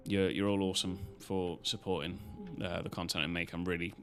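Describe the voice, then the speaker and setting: This British streamer speaks a little fast in a low voice that barely moves in pitch. His casual chat wanders, loosely strung together and sprinkled with offhand swearing.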